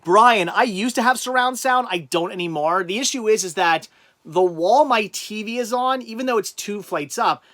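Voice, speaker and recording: Chat messages get read out loud by this livestream host, a man described as an adult with a child, who meanders through replies and keeps starting over. He speaks at a moderate pace in a high, fairly bright voice.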